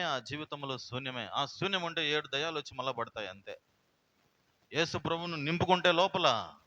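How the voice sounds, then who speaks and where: A male pastor preaches a sermon with feeling, moving between loud and soft and asking many rhetorical questions. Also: fairly high pitch, muffled recording.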